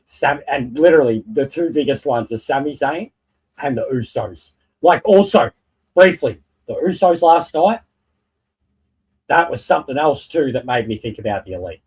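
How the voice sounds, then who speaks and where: A man's voice: mid-range voice, animated, normal speed, darkish tone, slightly rough, rough recording. A man as a guest in a casual sports and wrestling chat, talking in a blunt, slangy, sweary way.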